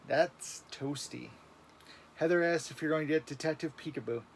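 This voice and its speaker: A man's voice: a little high, normal speed, creaky, breathy edge. A man in his thirties co-hosting a casual livestream, easygoing as he reads and greets viewers in chat. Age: 30s. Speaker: livestream co-host reading chat.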